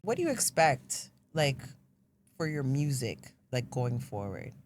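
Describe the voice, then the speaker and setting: A woman hosting a casual interview, playful and quick to laugh as she asks questions. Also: a bass voice, big pitch swings, a little mellow. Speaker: host. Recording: faint background noise.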